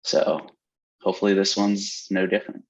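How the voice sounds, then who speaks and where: A man's voice: low-pitched, monotone, normal speed, dull audio. A man co-hosting a casual podcast, joking and making fun of himself. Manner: joking, self-deprecating. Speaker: crypto podcast co-host. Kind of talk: casual chat.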